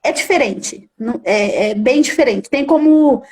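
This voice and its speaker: High-voiced emphatic woman teacher. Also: measured pace, a little mellow. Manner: emphatic, acts out firm commands. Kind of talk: explaining in an interview.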